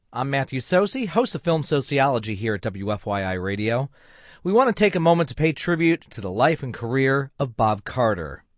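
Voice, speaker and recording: Male radio host, scripted tribute read, lively intonation, dry and slightly muffled close studio sound. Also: medium pitch, dry recording.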